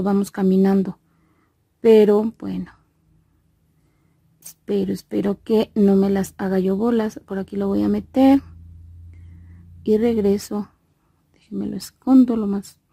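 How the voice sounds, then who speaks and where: A woman's voice: medium pitch, gravelly, warm tone, husky, dry recording, studio quality. A Mexican woman giving a casual tutorial, with a slight lisp and mouth-full articulation. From Veracruz, Mexico. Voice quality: lisp after molar extraction. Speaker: crochet instructor and host.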